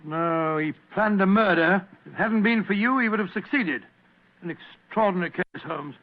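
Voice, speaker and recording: An actor playing a loyal, earnest British doctor and companion, polite and given to exclamations, in old-fashioned radio drama style. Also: male voice, high voice, normal speed. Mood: subdued, awed. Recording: muffled old radio recording, faint noise.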